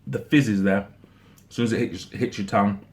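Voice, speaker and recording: A man giving a casual snack review in a halting, rambling way, often repeating himself. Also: fairly low pitch, a little mellow. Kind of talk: casual product review chat. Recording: noticeable background noise.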